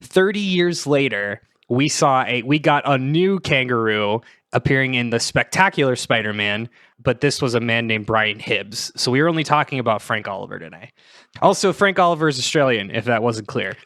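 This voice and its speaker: A man's voice: mid-range voice, expressive, normal speed, fairly bright tone, dry recording. A man co-hosting a casual comedic podcast, reading from his notes and laughing often as he talks. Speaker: podcast co-host.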